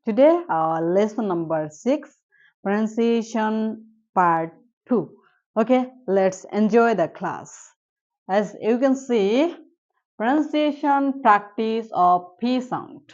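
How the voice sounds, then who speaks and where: A woman teaching an online English pronunciation lesson, speaking slowly and deliberately and repeating each word for practice. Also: medium pitch, animated, dull audio.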